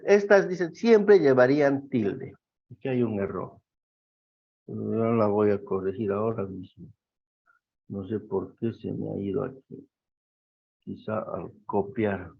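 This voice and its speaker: A man teaching a grammar class, explaining slowly and often checking that students follow. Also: mid-range voice, breathy edge. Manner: slow, explanatory, checks with frequent questions. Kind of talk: classroom lecture. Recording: dull lo-fi recording.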